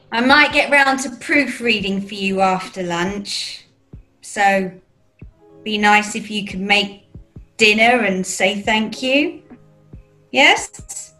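A woman's voice: mid-range voice, takes it slowly, long pauses, bright, forceful tone, faint music behind. A woman playing a fussing, coaxing British mother in a rehearsed script reading over a video call. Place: small room at home, video call.

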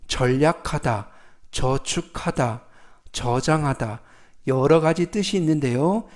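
Slow, methodical Korean-accented male teacher. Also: a little high, darkish tone. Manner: polite and methodical, drawing out English words slowly. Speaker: English teacher. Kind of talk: slow explanatory vocabulary lesson.

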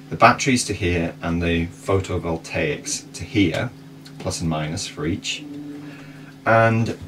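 Sailing vlogger, thirties, very low voice, plain step-by-step explainer, picked up by a distant camera with steady noise. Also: male voice. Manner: relaxed, practical, explains step by step. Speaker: sailing vlog host. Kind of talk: casual explainer. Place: inside a sailboat cabin. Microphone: wide camera across a table.

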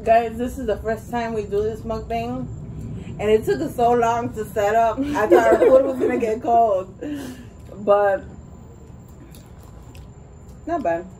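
Animated young woman talking to viewers. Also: on the high side, unhurried, long pauses, slight background noise, poor audio. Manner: animated, addresses viewers directly. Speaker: co-host. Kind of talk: casual mukbang chat.

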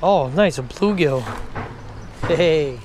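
A fishing vlogger chats excitedly to camera beside a shallow river, his talk slangy and packed with exclamations. His voice is a little high and a little mellow, and he takes his time. It's recorded outdoors on an action camera that picks up background noise.

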